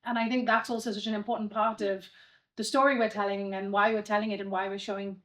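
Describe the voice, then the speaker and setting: A woman's voice: mid-range voice, flat delivery, quick pace. A woman hosting an interview, asking questions and affirming her guest often. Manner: warm, affirming with frequent "yeah". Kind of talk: conversational interview.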